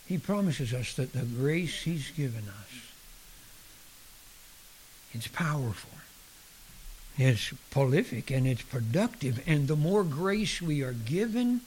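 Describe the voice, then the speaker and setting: A man preaching a sermon, expressive, dropping at times to a hushed near-whisper and chuckling at his own jokes. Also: mid-range voice, slow pace, long pauses, slight background noise. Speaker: pastor.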